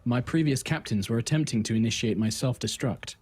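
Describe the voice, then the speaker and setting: A man playing a calm, eerily polite male ship AI that speaks in a cold, measured way. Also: mid-range voice, husky, voice pushed down, lightly acted. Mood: calm menacing. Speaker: game master.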